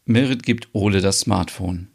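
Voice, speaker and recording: A man's voice: low-pitched, normal speed, gravelly, husky. A man narrating the stage directions of an audio drama in a plain, matter-of-fact way.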